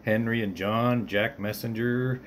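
A man's voice: medium pitch, fairly even intonation, unhurried, slight background noise. Male podcast host, brief and amused. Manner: laughs along, short replies. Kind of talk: interview.

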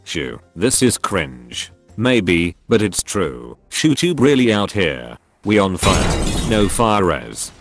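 A synthetic male text-to-speech voice reading a YouTuber's channel update in a flat, evenly paced computer manner. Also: deep voice, takes it slowly, hardly any pauses, music in the background.

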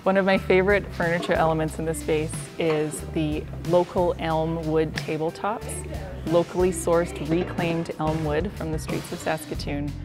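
A woman, the designer, describing a restaurant space clearly in a documentary interview. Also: deep voice, level tone, normal speed, music in the background.

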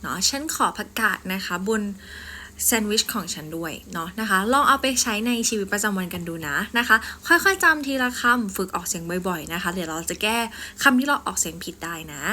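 A woman with a Thai accent, teaching English pronunciation in a polite, deliberate way and saying sample sentences slowly. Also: mid-range voice, lively intonation, sharp tone, slight background noise. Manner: slow deliberate example sentences, polite particles. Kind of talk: scripted language lesson.

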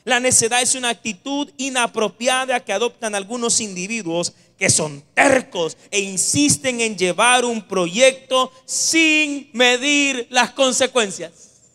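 A man preaching a Sunday sermon, animated and calling his listeners brother and sister. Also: very high-pitched, measured pace. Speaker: pastor.

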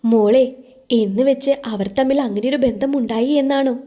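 Caring mom in a malayalam audio story, soothing and earnest, mellow voice, a woman reading it out. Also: a little high, moderate pace, lightly acted. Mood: tender, firm. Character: caring middle-aged mother-in-law, protective.

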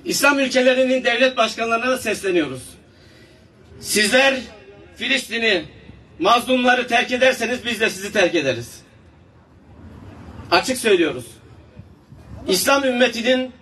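A man's voice: very high voice, lively intonation, normal speed, long pauses, slight background noise. A middle-aged man giving a declamatory political speech at a rally. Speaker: association leader giving rally address. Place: outdoor square, stage with PA. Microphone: podium mic, filmed by far camera. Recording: distant mic, outdoor loudspeaker sound.

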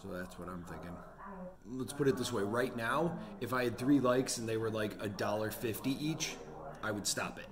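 This vlogger, in his forties and running an online resale business, chats casually about his day at home from a home office with bookshelves. He has a fairly low voice and moderate pace, with crowd noise in the background.

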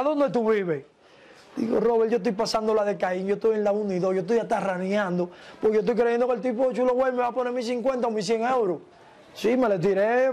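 A man, an interview guest telling a long story and acting out the voices of the people in it. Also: high voice. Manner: animated storyteller, acts out quoted voices.

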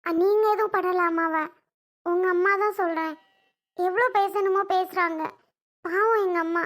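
A woman playing a young daughter who defends her mother with sharp, pleading insistence in a family drama skit. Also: very high voice, steady tone, moderate pace. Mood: angry, pleading.

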